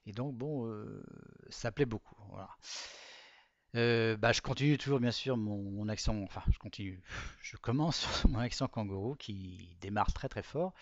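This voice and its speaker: A man's voice: on the low side, vocal fry, no echo, lo-fi sound. A man presenting his own artwork to viewers in a casual, hesitant way, with many fillers and restarts. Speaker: artist presenting his work.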